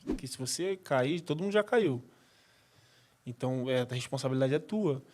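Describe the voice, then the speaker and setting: A man's voice: mid-range voice, moderate pace, a little hiss or hum. A man from Brazil, a former footballer and podcast guest, giving a personal testimony and acting out remembered conversations with lots of fillers. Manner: animated storyteller who acts out remembered dialogue, with frequent fillers.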